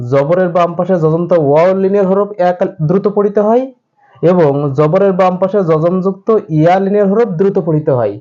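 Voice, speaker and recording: A man teaching Quran reading in a recorded class, asking and answering his own questions and drawing out example words slowly to show how they sound. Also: high-pitched, mellow, dull audio. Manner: repeats examples slowly, drawing out vowels to demonstrate pronunciation; addresses viewers directly, asks and answers his own questions.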